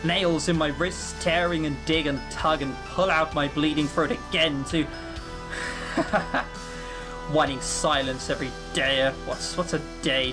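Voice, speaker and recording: A voice actor with a medium-pitched voice portrays an ancient fiend that has been trapped in a circle for centuries. Mocking and brooding, the character breaks into anguished outbursts throughout this first-person audio roleplay.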